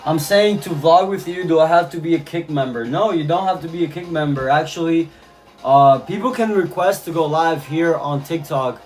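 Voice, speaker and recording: A livestreamer from Cuba, his voice on the high side and his pace moderate, talks casually with soft music in the background. He answers viewers as he reads their chat messages, often repeating himself.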